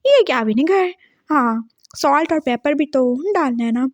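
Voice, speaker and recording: A sweet-talking, sly young woman coaxes and wheedles in a high, bright voice, as a woman storyteller acts her out. She is a figure in a told drama story, recorded dry and close. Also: animated, moderate pace, dry recording. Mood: coaxing. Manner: coaxing, overly sweet.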